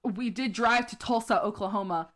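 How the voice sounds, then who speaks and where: A woman's voice: mid-range voice, normal speed. A woman co-hosting a theater podcast in casual chat, chatty and self-deprecating. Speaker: podcast co-host.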